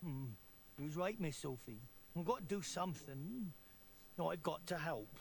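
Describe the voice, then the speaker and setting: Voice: mid-range voice, animated, measured pace, creaky, slight background noise. A voice actor playing a timid, hesitant old male mole miner in a video game, speaking a rustic folksy dialect full of hesitant "er"s. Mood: nervous.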